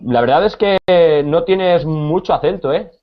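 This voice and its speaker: In this lo-fi clip, a man from Spain gives a conversational Spanish lesson in his native accent, his voice a little high and animated. He pauses frequently, repeating words and using fillers.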